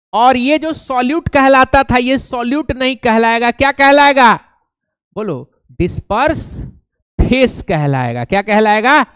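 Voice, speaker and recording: High-voiced male science teacher. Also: clean tone, no echo. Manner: repeats questions to prompt students, emphatic. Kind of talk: classroom lecture with call-and-response questions.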